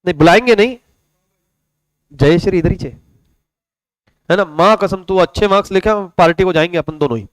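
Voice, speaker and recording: Chatty, high-voiced Indian male teacher. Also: moderate pace, long pauses, dry recording, low-quality recording. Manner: chatty, joking, addresses students as beta. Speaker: commerce teacher. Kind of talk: casual online class lecture.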